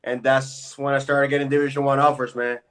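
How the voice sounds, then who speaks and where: A man from Puerto Rico in his thirties talks through his career as an interview guest. His voice stays flat and level, and he speaks in an easygoing, unhurried way. His pitch sits in a middle register. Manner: laid-back, relaxed storytelling with fillers. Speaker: guest, pro basketball player. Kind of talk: casual interview chat.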